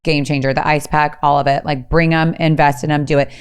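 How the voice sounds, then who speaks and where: A woman in her thirties co-hosts a podcast in candid, casual conversation. Her voice sits low and comes through smooth and resonant. She speaks bluntly, swears freely and tosses in quick asides. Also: level tone. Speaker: podcast co-host.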